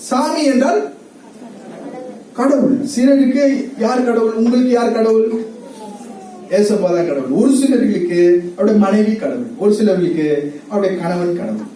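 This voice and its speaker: A man's voice: extremely high pitch, dark tone, recorded from a distance. Male preacher, interactive sermon, laughs a lot; echoey hall, faint noise behind. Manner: asks the audience questions and repeats their answers; laughs often while talking. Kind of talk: sermon with questions to the congregation.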